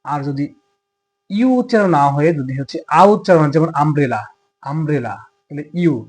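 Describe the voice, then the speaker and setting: A man teaching in a husky, somewhat high voice with a Bangladeshi accent. He talks fast and explains each step by asking a question and answering it himself, like a teacher in front of a class. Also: animated. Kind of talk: classroom grammar lesson.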